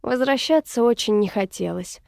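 Woman narrator, mellow dark tone, dry close sound, measured story reading. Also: fairly high pitch, creaky, dry recording. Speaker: audiobook narrator. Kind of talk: scripted narration.

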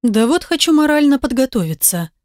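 A woman narrator voices a brisk, bossy doctor at a maternity ward. She is sharp and indignant, talking down to the people around her in a raised, clipped voice. She handles every scene as an everyday chore. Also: high voice, very animated, no echo, studio quality, voice pushed up. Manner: sharp and indignant, then matter-of-fact.

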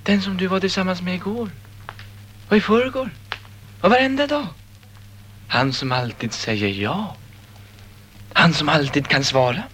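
A man's voice: high voice, lively intonation, pauses often, fairly bright tone, slight background noise. An actor playing a relentless male inner voice, an insistent optimist, in a radio play. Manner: insistent, rising to ecstatic declarations.

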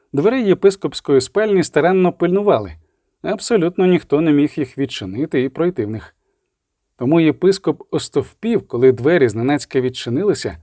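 A man reading a novel aloud in measured scripted narration. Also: a little high, warm tone, no echo, studio quality. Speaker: audiobook narrator.

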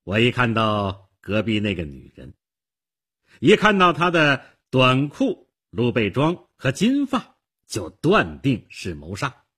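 A man voicing a shrewd, calm middle-aged police detective who explains things in a knowing, matter-of-fact way. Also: mid-range voice, slow pace, slightly rough, heavily acted. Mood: explaining.

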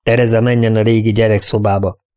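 A man's voice: mid-range voice, lively intonation, gravelly, a little mellow. A man voicing a domineering old spinster lady who speaks in curt, commanding sentences.

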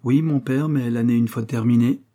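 A man reading the part of a calm, firm young engineer refusing his father in an audiobook. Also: mid-range voice, normal speed, natural voice. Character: young male engineer, calm, stubborn son.

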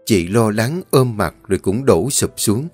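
A man narrating a dramatic audio story in a steady, earnest storytelling voice. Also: on the low side, unhurried, breathy edge. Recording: dry close voice, faint music.

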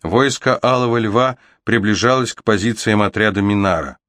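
A man narrates a fantasy novel at a steady, even pace of storytelling. His voice is somewhat low, and the recording is dry and close, with no room sound. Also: moderate pace, no echo. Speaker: audiobook narrator.

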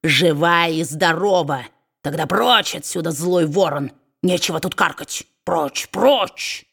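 A woman's voice: on the low side, slow, gravelly, fairly bright tone, slightly rough, heavily acted. A woman reading an audiobook and voicing a cruel, spiteful male dwarf who mocks and snarls. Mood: sneering. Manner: snarling, mocking.

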